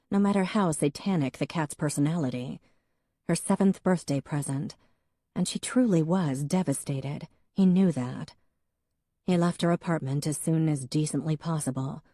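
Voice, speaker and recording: Woman, audiobook narrator, low pitch, mellow tone, measured reading, dry close recording. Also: no echo. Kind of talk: scripted narration.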